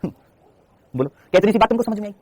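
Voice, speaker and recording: Male online biology tutor: very quick, animated, quizzes and teases his students by name, slightly husky, close and dry. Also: sits high, no echo. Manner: asks students questions and answers them himself; teasing, calls students by name. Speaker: biology teacher. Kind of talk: online exam-prep lecture.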